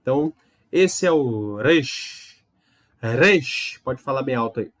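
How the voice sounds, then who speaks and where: A man's voice: medium pitch, lively intonation, slow, a bit bright. A man teaching a recorded Hebrew lesson, explaining patiently, demonstrating sounds and checking in with his students often. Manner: explains patiently with many tag questions and demonstrations.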